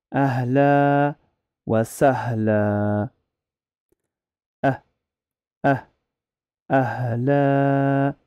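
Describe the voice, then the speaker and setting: A man's voice: medium pitch, warm tone, clear, resonant tone, no room sound, studio quality. A man teaching a reading lesson, spelling words out syllable by syllable and patiently correcting their pronunciation. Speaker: Arabic teacher.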